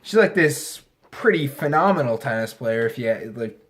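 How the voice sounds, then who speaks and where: An amateur movie reviewer with a mid-range, fairly bright voice talks at normal speed with lively intonation. He gets drunker as his casual film review rambles on, losing his thread, restarting sentences and swearing in crude, profane slang.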